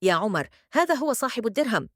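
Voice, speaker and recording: A woman voicing a kind, gentle female schoolteacher in a children's story, speaking in an encouraging, praising tone. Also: a little high, big pitch swings, quick pace, no room sound, clean studio sound, pitched above the performer's own voice. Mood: gently encouraging. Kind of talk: storybook character voice.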